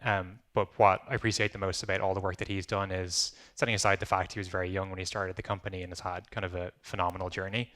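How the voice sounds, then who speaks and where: A young Irish man speaks on a panel with a very low, flat voice that still carries a bright edge. He talks casually, dotting his sentences with ums. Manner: many "um"s, relaxed conversational. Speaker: company founder on a panel. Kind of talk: panel discussion.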